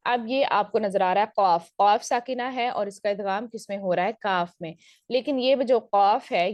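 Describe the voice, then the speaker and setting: A woman's voice: mid-range voice, darkish tone, no echo. A woman teaching Quran recitation rules in a recorded lesson, explaining step by step and putting questions to her students before answering them.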